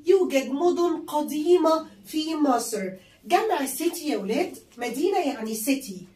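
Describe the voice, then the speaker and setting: A woman's voice: high-pitched, lively intonation, a little slow, a little mellow, echoey room, recorded from a distance. A woman with an Egyptian Arabic accent, teaching English vocabulary to young children. She repeats each word again and again and switches between English and Arabic explanations.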